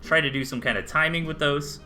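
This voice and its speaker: A fairly high-pitched man with a Southern US accent speaks a little fast in a bright, forceful tone, casting a live strategy game match. He's an esports caster offering chatty play-by-play and casual asides, with faint music in the background.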